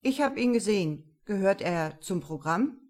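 A woman's voice: medium pitch, expressive, moderate pace, darkish tone, natural voice. A wry male colleague, voiced by a woman narrator, dry and teasing in tone. The reading stays close to a plain storytelling voice.

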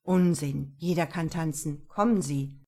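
A woman voicing a self-assured, flirtatious male prosecutor in a storybook reading, with a low, coaxing delivery. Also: a little slow, dark tone.

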